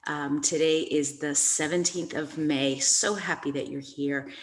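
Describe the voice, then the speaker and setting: A woman's voice: sits low, fairly even intonation, measured pace. A middle-aged woman giving an informal, chatty live online class from a stairwell in a house, speaking directly to her viewers as a presenter.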